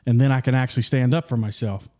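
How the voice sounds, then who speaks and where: A man's voice: medium pitch, fairly even intonation, quick pace, darkish tone. A man hosting a casual podcast, telling folksy stories and laughing often. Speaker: podcast host.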